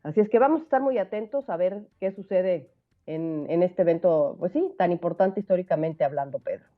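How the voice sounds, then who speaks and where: A woman giving chatty, lively radio commentary. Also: on the low side, fairly quick. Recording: tinny phone line.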